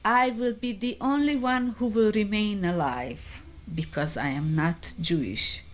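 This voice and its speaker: An elderly woman voicing a bitter, cruel woman camp overseer, her words slow and threatening. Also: medium pitch, a little hiss or hum, voice pushed up, lightly acted.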